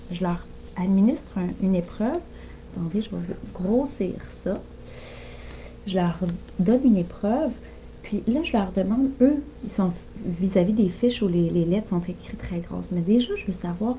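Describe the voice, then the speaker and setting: A woman in her fifties with a Quebec French accent, a remedial teacher giving a lively online presentation to parents and punctuating her examples with "oops". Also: mid-range voice, highs cut off, slight background noise.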